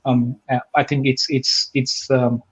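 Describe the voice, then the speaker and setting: A man's voice: medium pitch, flat delivery, unhurried, husky, rough recording. A man in his forties, from Sri Lanka, the guest in a casual online interview, talking steadily and earnestly with many ums and restarts.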